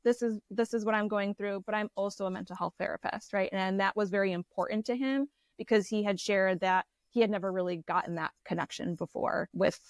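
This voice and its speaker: A woman therapist, a guest in an interview, telling personal stories in a candid, animated way with frequent restarts. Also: medium pitch, fairly quick, few pauses, no room sound. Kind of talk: conversational storytelling interview.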